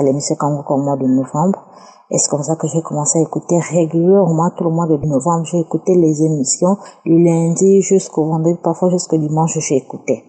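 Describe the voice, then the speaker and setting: A woman's voice: low-pitched, warm tone, breathy edge. A woman giving a fervent personal religious testimony, often repeating words in chains. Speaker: testifying listener.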